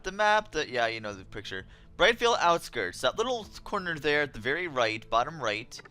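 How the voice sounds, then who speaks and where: Lively bright-voiced man narrating gameplay. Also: medium pitch. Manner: chatty, wry and easily annoyed. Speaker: let's play host. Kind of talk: casual game commentary.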